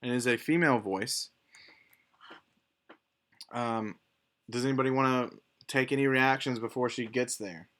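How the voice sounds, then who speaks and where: A man's voice: mid-range voice, fairly even intonation, a little slow, long pauses, a bit bright. A man narrating as game master of an online tabletop game, describing scenes unhurriedly with fillers.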